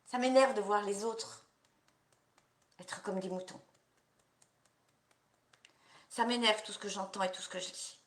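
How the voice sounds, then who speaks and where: A woman practitioner leading a guided EFT tapping session, repeating slow affirmations and coaching listeners between phrases. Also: mid-range voice, fairly even intonation, echoey room.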